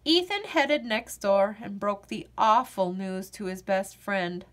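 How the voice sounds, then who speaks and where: In a slow, medium-pitched voice, a woman reads a children's picture book out loud with lively, expressive storytelling.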